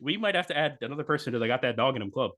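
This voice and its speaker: A man co-hosting a sports podcast, chatting excitably and jumping from thought to thought. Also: mid-range voice, very fast. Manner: excitable, jumps between thoughts. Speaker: podcast co-host. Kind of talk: casual sports chat.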